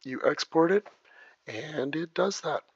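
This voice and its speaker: Sex: man. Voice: gravelly, a bit creaky. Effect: low sample rate, muffled lo-fi audio. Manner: talks through each click of a software tutorial. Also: expressive, unhurried, dry recording. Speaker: video editing instructor. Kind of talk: step-by-step screen tutorial. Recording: dull lo-fi dry voice track.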